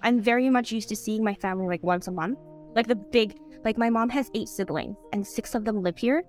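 Faint music sits behind a Canadian guest author who rambles chattily on a podcast, leaning heavily on "like." Her mid-range voice is somewhat dark and fairly quick.

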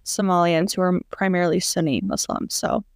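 Clear-voiced woman host from Minneapolis. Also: on the low side, brisk, no room sound, studio quality. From Minneapolis, USA. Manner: curious, conversational. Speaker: podcast host. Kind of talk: interview questions.

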